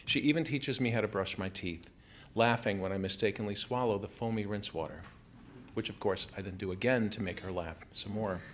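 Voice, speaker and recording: A lowish, slightly bright voice belongs to an American writer in his fifties, who reads his scripted first-person essay before a live audience in a small theater. He tells it in a measured manner, acting out family dialogue, with room noise and ambience in the background.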